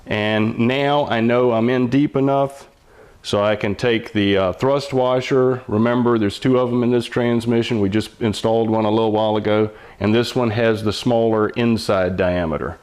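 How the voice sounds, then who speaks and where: An older mechanic walks through hands-on mechanical work step by step, patient, folksy and plain-spoken like an old machinist. His mid-range voice is steady and darkish, at a moderate pace.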